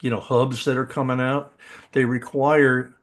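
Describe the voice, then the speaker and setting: An older man co-hosts a casual podcast chat, his mid-range voice level in tone and his pace measured. He's eagerly enthusiastic and often restarts his sentences.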